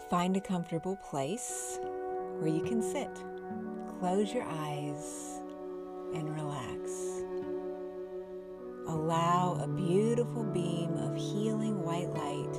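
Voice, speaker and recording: A woman narrates a guided relaxation in a gentle spa-style voice, pitched a little low. She takes her time, drawing out and repeating words in a soothing way. Music plays strongly behind her. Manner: soft, soothing, unhurried spa-like delivery with drawn-out repetition. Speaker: host of a healing show and guided-journey leader. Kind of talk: slow guided meditation narration.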